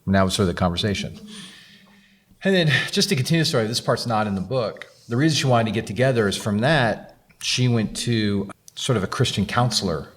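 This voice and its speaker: A man's voice: lowish voice, lively intonation, brisk, breathy edge. A man, a guest author, telling a story on a live podcast and acting out the quoted dialogue with animation.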